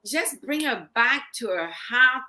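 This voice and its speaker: A woman guest on a talk show, speaking earnestly and gently in casual conversation and often repeating her phrases. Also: on the high side, lively intonation, slow. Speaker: guest psychologist. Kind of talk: casual interview chat.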